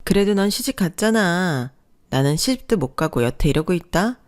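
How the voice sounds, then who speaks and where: A woman's voice: fairly low pitch, sing-song, moderate pace. A woman voicing a blunt, teasing older female coworker who works as a golf caddie.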